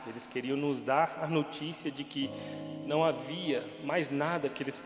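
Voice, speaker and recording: A man giving an emotional testimony to a church congregation, his voice rising toward shouting at the hardest moments. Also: fairly high pitch, steady tone, moderate pace. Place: church hall. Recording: echoey hall with music behind.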